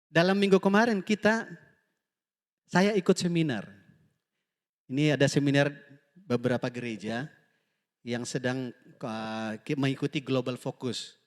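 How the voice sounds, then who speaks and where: A man from Indonesia preaching a lively sermon, telling stories and calling on the congregation for amen. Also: mid-range voice, a little slow, long pauses, long reverb tail. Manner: animated storytelling, acts out quoted dialogue. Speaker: pastor. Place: church hall.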